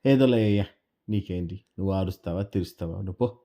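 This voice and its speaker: A man's voice: fairly even intonation, a little fast, warm tone, close to an everyday voice. A man putting on a grieving orphan boy. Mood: irritated. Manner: raised, plaintive, slightly higher voice. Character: poor orphan village boy, upset and stubborn.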